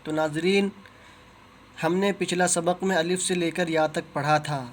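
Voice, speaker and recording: A man teaching Quran reading, who pronounces letters slowly and carefully and explains each sound in plain, patient speech. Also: a little high, steady tone, slight background noise. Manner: drawn-out, careful letter recitation with pauses. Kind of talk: slow teaching of Arabic letter pronunciation.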